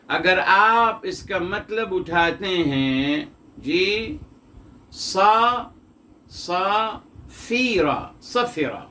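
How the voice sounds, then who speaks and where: A man giving a Quran commentary lesson, slowly explaining Arabic word roots and often addressing his listeners as "my respected one". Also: sits high, sharp tone. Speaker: Quran teacher.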